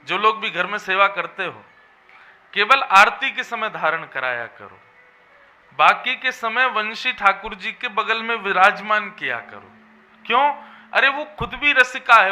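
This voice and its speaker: Bright high-voiced man preaching. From Vrindavan region. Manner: emphatic, melodic preaching. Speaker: religious storyteller. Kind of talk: devotional sermon.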